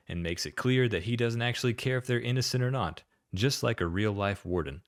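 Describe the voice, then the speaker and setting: A man with a very low voice narrates a scripted video-game retrospective. He slips in dry, sardonic asides. The sound is close-miked and completely dry. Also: no echo.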